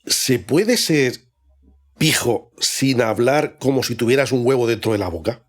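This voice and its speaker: A man hosting a podcast interview, relaxed and quick to laugh. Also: medium pitch. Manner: relaxed, laughs easily, asks short questions. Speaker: podcast host.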